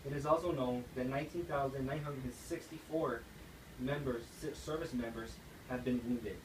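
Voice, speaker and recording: A young adult American man reads an earnest persuasive speech aloud, as if for a class assignment. His voice is mid-range, his intonation fairly even, and his pace moderate. The recording is noisy, with a distant mic in an echoey room.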